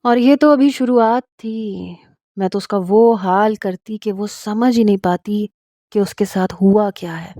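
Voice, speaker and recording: A woman narrating a first-person story in a steady, confiding way. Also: medium pitch, dry recording, studio quality.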